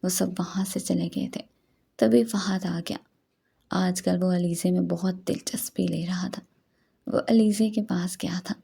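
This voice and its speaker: A woman narrating a romance novel as an audiobook in a steady storytelling read. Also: lowish voice, unhurried, creaky, breathy edge.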